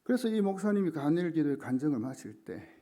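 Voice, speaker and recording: A man's voice: on the high side, big pitch swings, fairly quick, dark tone. A male pastor preaching a sermon, telling a story dramatically and often dropping to a whisper.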